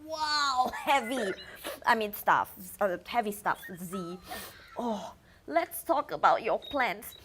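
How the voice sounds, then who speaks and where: Woman playing a slow, swooping, glib talk-show host. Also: a little high, lively intonation, heavy background noise. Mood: breezy. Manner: wisecracking, flustered stammering. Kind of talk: scripted satirical talk-show presenting.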